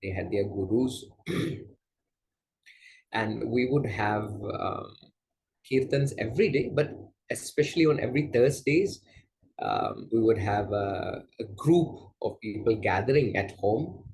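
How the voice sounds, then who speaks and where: A man from Malaysia, a yoga teacher, answering interview questions in a gentle, unhurried way with soft fillers. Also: on the low side, a little hiss or hum, poor audio. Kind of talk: casual interview conversation.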